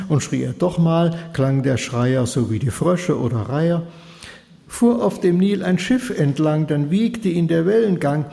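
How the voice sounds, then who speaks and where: Male storyteller, expressive rhymed reading, long hall reverb. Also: a little high, gravelly. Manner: lilting, expressive. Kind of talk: rhymed scripted narration.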